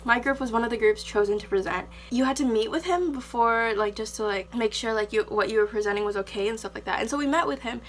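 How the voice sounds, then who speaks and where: A woman's voice: a little high, quick pace, hardly any pauses, a little hiss or hum. A young American woman in a casual, exasperated rant to camera, talking emphatically and peppering her sentences with "like". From United States. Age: young adult. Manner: exasperated, emphatic, conversational with frequent 'like'. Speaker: vlogger, exchange student.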